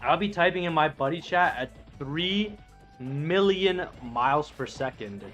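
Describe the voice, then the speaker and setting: Soft music plays behind a man in his late thirties who streams an online game, chatting loosely and reading viewer messages aloud with plenty of swearing and restarted sentences. He has a fairly high, fairly bright voice with lively intonation and a measured pace.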